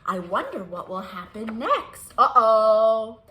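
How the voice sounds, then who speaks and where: A children's librarian hosts a musical storytime, reading aloud to young kids in a high, bright voice at an unhurried pace. She's sing-song and animated, asking her little listeners simple questions, and the roomy space gives her voice a noticeable echo.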